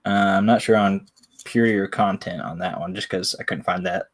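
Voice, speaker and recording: A man's voice: low voice, fairly even intonation, a little fast. A man with a Tennessee accent chats casually and folksily on a live sales stream, a bit self-deprecating. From Tennessee, USA. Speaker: coin seller.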